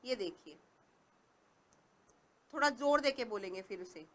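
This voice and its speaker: A woman teaching a reading lesson to young children, patient and stressing each word clearly. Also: on the high side, lively intonation, unhurried.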